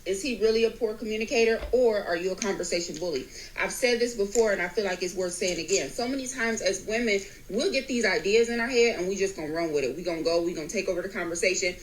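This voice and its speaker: A woman's voice: mid-range voice, a little hiss or hum, low-quality recording. Frank woman giving relationship advice to camera. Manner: frank, lecturing, conversational.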